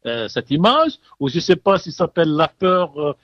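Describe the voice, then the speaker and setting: A man's voice: fairly high pitch, very animated, moderate pace, fairly bright tone, no room sound, dull audio. A man giving a live radio field report as a correspondent, hesitant with many fillers but emphatic.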